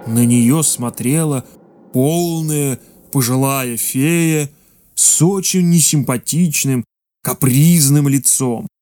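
A narrator reading a fairy tale in a measured, expressive way. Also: mid-range voice. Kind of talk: storybook narration.

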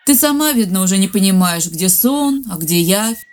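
A man's voice: high-pitched, lively intonation, moderate pace, faint music behind, pitched above the performer's own voice. A man doing a weary, reproachful fairy mother. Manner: sad, admonishing.

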